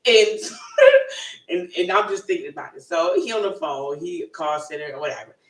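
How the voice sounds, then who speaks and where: Man co-host, high and very animated, chuckles mid-story, roomy off-mic sound. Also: moderate pace, far from the mic. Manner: animated, laughs through his stories, fond of "right?". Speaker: podcast co-host. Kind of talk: casual chat.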